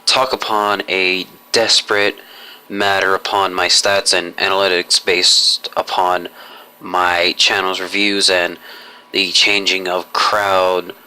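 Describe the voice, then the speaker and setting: A man's voice: low-pitched, flat delivery, slow pace, bright, forceful tone, clear, resonant tone. A young man talking to camera in a rambling vlog, with formal, long-winded phrasing and many restarts. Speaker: YouTuber.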